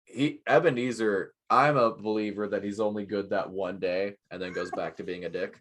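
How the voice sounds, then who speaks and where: A man's voice: on the low side, steady tone, a bit bright. Young guy cohosting a chill podcast, rambly, jokey, pokes fun at himself. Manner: rambling, self-mocking, quick to joke. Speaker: podcast co-host. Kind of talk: casual chat.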